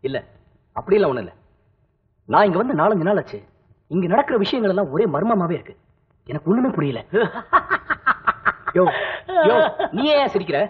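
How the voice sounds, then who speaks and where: A young actor playing a curious newcomer who presses others with quick questions, in a 1980s film on a tinny soundtrack. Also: male voice, high-pitched, big pitch swings, slightly rough, full character voice. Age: young adult.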